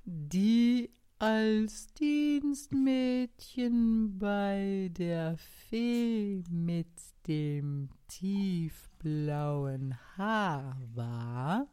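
A woman voicing a slow, kindly female snail in a storybook reading, stretching every word. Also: mid-range voice, expressive, mellow, smooth, voice pushed up. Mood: drawling. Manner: drawn-out, sluggish speech.

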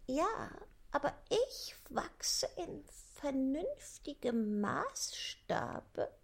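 A man voicing a sleepy, grumpy little dormouse in a storybook reading, in a breathy half-whisper. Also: very high-pitched, sing-song, drawn-out words, full character voice. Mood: huffy.

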